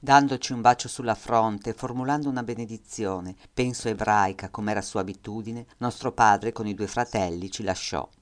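A man reading a first-person memoir aloud in a measured, grave manner. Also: fairly low pitch, fairly even intonation. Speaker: audiobook reader.

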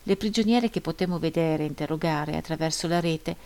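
Brief: woman audiobook reader, lowish voice, grave, measured narration. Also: a little mellow. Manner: measured, solemn, grave reading. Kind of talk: scripted narration of a first-person memoir.

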